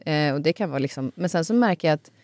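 Female host, lowish voice, casual lively storytelling, dry close mic. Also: no room sound. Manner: lively storyteller, animated when quoting others. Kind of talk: casual conversation.

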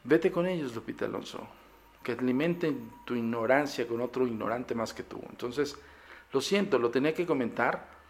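A man's voice: medium pitch, normal speed, creaky, a little hiss or hum. A man with a Mexican accent, hosting a paranormal podcast and bluntly lecturing his listeners in a casual monologue. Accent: Mexican Spanish.

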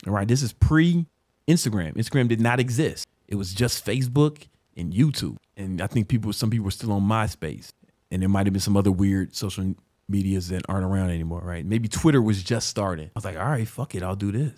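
A man in his thirties, hosting a casual talk ranking business books, swearing freely and telling stories with animated, self-mocking laughs. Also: lowish voice, fairly quick, no echo, studio quality. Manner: profane, loose and streetwise; animated storyteller who laughs at himself.

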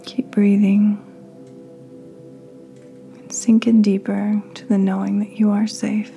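A woman hosting a podcast, leading a guided meditation in a soft, half-whispered, soothing voice. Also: medium pitch, level tone, slow, vocal fry, faint music behind. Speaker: podcast host.

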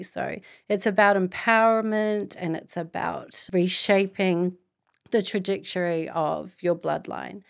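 A middle-aged woman with a Māori New Zealand accent, hosting a podcast as an earnest, encouraging motivational monologue. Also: fairly low pitch. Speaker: podcast host.

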